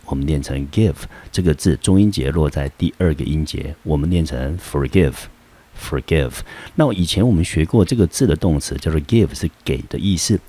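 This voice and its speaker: A man's voice: rumbling low, warm tone, breathy edge. A man from Taiwan teaching an English vocabulary lesson, explaining patiently step by step with many fillers.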